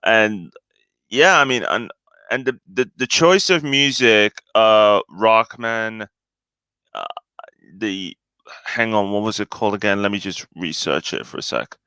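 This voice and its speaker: Hesitant man, crisp tense voice. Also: on the low side, a little slow, pushed and bright, no echo. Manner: hesitant, many fillers and stumbling restarts. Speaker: live streamer. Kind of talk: casual solo live-stream chat.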